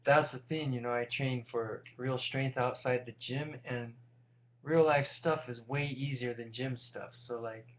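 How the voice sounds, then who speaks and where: A tired, sleep-deprived vlogger in his forties rambles to viewers in a casual, candid, self-deprecating monologue. His mid-range voice is steady and unhurried. The audio is dull lo-fi with a loud hum.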